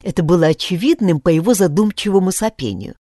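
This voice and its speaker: A woman reading a children's story aloud in an expressive, animated way. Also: lowish voice, fast, no echo, studio quality.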